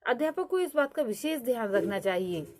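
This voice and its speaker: A woman's voice: fairly high pitch, sing-song, brisk. A woman teacher giving a lecture, going through each point in turn and adding English terms as she explains.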